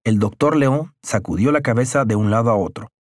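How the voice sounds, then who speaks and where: A man narrating a story and reading the characters' lines in a mostly even voice, rising for outbursts. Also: medium pitch, a little fast, no room sound, studio quality.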